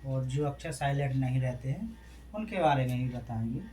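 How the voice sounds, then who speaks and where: A mid-range, mellow male voice belongs to an English teacher explaining a lesson in Hindi at normal speed, expressively. He raises questions and answers them, spelling letters out one by one, over a light hiss or hum.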